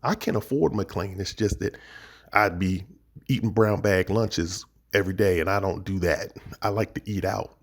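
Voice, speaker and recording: Gravelly-voiced D.C. man telling a story. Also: deep voice, moderate pace. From Washington, D.C. area. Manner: laid-back, rambling, slangy. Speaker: podcast host. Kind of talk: casual storytelling monologue.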